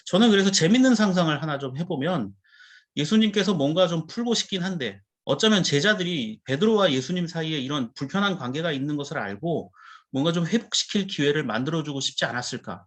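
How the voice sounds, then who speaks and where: A man's voice: a little high, lively intonation, quick pace. A male pastor preaching a sermon, explaining Bible words and putting questions to the congregation.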